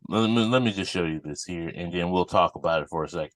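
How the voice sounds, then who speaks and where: Here is a man hosting a political commentary podcast in a low, forceful voice. He speaks off the cuff with indignant emphasis and circles back over phrases to drive them home. The sound is dry, with very little room. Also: fast talker, no echo. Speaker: podcast host.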